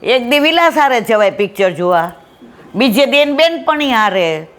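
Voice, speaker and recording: A woman's voice: on the high side, very animated, moderate pace, a bit bright. A middle-aged woman giving a devotional satsang talk, telling a story in a conversational way and asking her listeners whether they follow. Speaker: satsang speaker.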